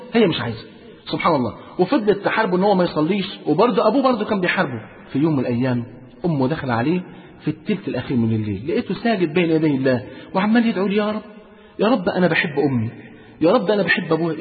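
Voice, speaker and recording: A man preaching a sermon in an Egyptian Arabic accent, fervent and asking his listeners questions again and again. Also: a little high. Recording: tinny phone-like sound in a reverberant hall.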